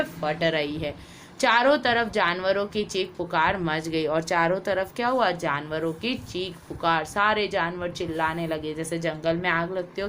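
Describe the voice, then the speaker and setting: A woman teacher reads a story to young pupils in a fairly low voice, stopping to explain words and to ask questions she answers herself. She raises her voice for the characters' cries. A faint hiss runs under the recording. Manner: asks the class questions and answers them herself. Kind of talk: reading a story aloud and explaining it to children.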